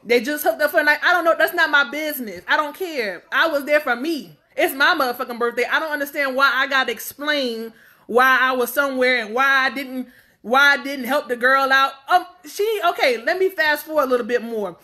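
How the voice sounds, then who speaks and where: A woman's voice: sits high, a little fast, sharp tone. A woman in her thirties talking casually to camera as a vlogger, rambling and outspoken, filling her talk with fillers. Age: 30s. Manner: blunt and outspoken.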